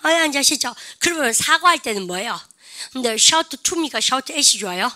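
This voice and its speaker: A middle-aged woman teaching English grammar in a classroom, lively and drilling her students with call-and-response prompts. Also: high-pitched, moderate pace. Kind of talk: classroom lecture.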